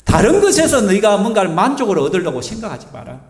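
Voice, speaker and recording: A man's voice: sits high, wildly swooping pitch, fast. A male pastor from South Korea, preaching a sermon with emphatic rhetorical questions in a church sanctuary. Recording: echoey church hall, faint music.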